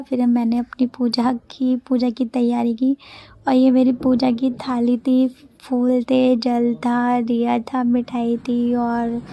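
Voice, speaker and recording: Chatty twenty-something woman doing vlog voiceover, mellow, pretty flat delivery. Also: a little high, gravelly. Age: 20s. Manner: chatty, loose storytelling with many restarts. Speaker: vlogger. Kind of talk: casual vlog voice-over narration.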